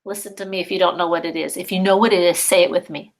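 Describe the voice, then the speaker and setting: A woman preschool teacher runs a virtual circle time for young children, speaking slowly and stretching out words in a sing-song way. Her voice is fairly low with fairly even intonation and some vocal fry.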